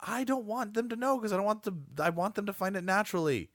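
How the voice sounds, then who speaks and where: A man's voice: high voice, quick pace, a bit bright, no room sound, studio quality. A man co-hosting a gaming podcast, talking with enthusiasm and casual swearing. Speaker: podcast co-host. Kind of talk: casual chat.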